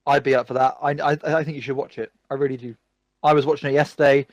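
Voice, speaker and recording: A man's voice: medium pitch, quick pace, no echo. A man hosting a podcast, chatting casually and ranting at length about films. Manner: animated, rambling movie ranting. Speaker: podcast host. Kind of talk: casual chat.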